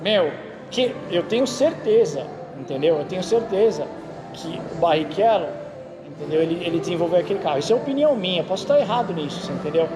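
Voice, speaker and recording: Speaking quickly in a voice that sits high, a Brazilian racing driver and instructor tells stories during a relaxed interview. He's a lively narrator who keeps asking "entendeu?" to make sure he's being followed.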